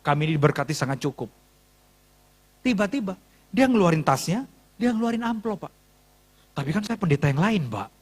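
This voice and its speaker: Preacher, male, bright high voice with big swings, acts out every line of dialogue. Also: fairly quick, long pauses. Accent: Indonesian. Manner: animated, acts out dialogue, jokes with congregation. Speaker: pastor. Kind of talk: sermon storytelling. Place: church hall.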